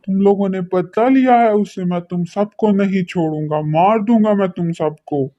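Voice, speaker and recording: A woman's voice: fairly low pitch, a little slow, a little mellow, lightly acted. A woman voicing a proud, short-tempered male crow father in a cartoon, speaking in an arrogant, dismissive manner. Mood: furious. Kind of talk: cartoon voice acting. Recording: slightly dull, lo-fi recording.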